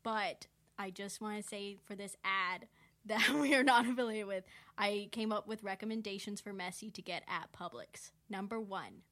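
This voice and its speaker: A woman's voice: mid-range voice, moderate pace, fairly bright tone. A young woman who is a podcast guest, chatting casually and giggling, with a lot of fillers. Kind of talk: casual chat.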